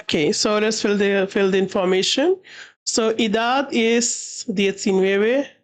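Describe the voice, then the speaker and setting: Teacher, woman, halting delivery, very slow. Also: mid-range voice. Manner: slow, halting explanations mixing English and Spanish. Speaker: language teacher. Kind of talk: explaining a textbook dialogue.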